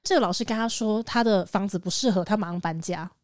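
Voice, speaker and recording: A woman's voice: mid-range voice, fast talker, a little mellow, no echo, clean studio sound. A woman co-hosting a casual chat podcast, from Taiwan, telling stories in a chatty way with giggles. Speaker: podcast co-host.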